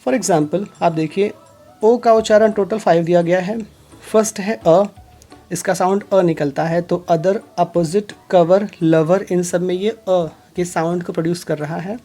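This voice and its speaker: Slow, low-voiced woman teaching phonics. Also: dark tone, faint music behind. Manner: slow, deliberate, reads out example words one by one. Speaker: English teacher. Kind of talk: phonics lesson explained in Hindi.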